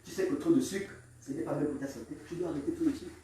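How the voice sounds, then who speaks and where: A man preaching a call-and-response sermon as pastor, exhorting the congregation, repeating lines for them to echo and breaking into shouts. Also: on the high side, fast talker, a little hiss or hum. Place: large echoing church. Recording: very echoey hall, mic far off.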